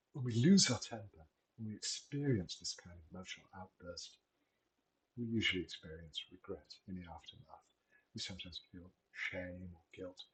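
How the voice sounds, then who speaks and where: A middle-aged man giving a gentle, measured talk on wellbeing, encouraging and unhurried with frequent pauses. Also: lowish voice, poor audio. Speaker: wellbeing presenter. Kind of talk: reflective solo talk.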